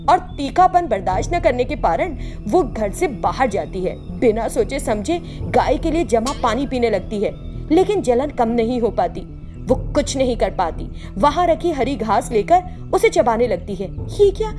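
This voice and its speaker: Female storybook narrator, high and lively, scripted and expressive. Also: unhurried, music in the background.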